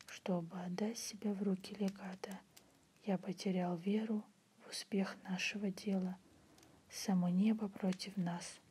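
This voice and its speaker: A woman reads a literary story in a breathy, unvoiced ASMR whisper, softly and in a measured way. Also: medium pitch. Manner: soft, measured literary reading. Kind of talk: whispered ASMR audiobook narration. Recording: faint background noise.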